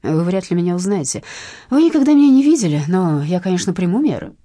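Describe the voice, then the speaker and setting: Narrating an audiobook, a woman plays an elderly, courteous male blackmailer on the phone, smooth and sly, polite on top with a threat beneath. She uses a dark, husky, sing-song voice with rolling pitch at a quick pace. The mood is smoothly menacing, and the recording is dry, clean studio sound.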